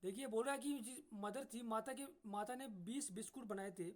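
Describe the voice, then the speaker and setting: A man teaching an exam-prep English lesson who explains patiently, often says "ठीक है", and restarts words mid-way. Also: high voice. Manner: reads English sentences out very slowly.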